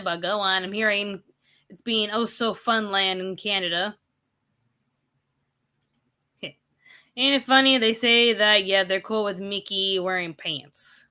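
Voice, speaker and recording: Bright-voiced woman ranting on a stream. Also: medium pitch. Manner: animated, ranting, bursts of exasperated emphasis. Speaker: host of a live chat and Q&A stream. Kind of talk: casual live-stream chat, reading viewer questions.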